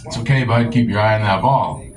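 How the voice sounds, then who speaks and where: A man's voice: fairly low pitch, a little fast, roomy sound, noisy background, close to an everyday voice. A man playing his blue-collar father calling out encouragement from the bleachers in a stand-up bit. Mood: encouraging. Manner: coaching, then crude yelling.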